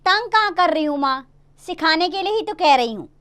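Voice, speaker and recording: An eager, pleading young village girl with a very high, bright and lively voice, as a woman reading a class play puts her on. She begs and argues with a lot of energy. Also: fairly quick, exaggerated voice.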